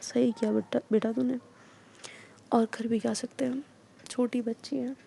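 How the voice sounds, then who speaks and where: A lady putting on an old granny voice, high and shaky, worn out with grief, audio story. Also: little pitch movement, a little slow, vocal fry, dark tone, slight background noise. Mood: resigned. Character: grieving elderly grandmother, frail and weary.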